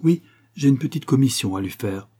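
A sly young swindler coaxes in a honeyed, wheedling murmur, dark-toned and husky, as a man reading the book puts him on. The voice stays low and close, sweet on the surface. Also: animated, a little fast. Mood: humble. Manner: wheedling, mock-humble.

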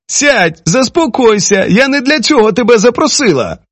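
Stern commanding older woman played by a man, lecturing, lively pitch, dry sound. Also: normal speed, no room sound, exaggerated voice. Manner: forceful, lecturing.

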